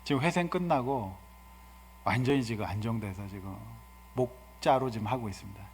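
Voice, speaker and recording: A man in his fifties, a guest pastor preaching a sermon, swinging from soft asides to loud exhortations. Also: medium pitch, moderate pace, a little hiss or hum. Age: 50s. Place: church sanctuary. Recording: hall reverb in a church.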